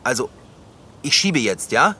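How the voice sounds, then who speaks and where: A performer playing a patient, practical cat owner in a children's radio play, calmly coaxing and reasoning. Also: mid-range voice, unhurried, crowd noise. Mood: helpful.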